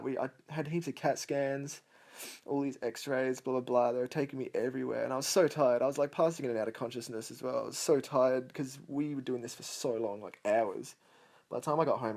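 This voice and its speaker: A man's voice: mid-range voice, darkish tone. A young man casually telling a long personal story, rambling, swearing a lot and laughing between lines. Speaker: storyteller over gameplay.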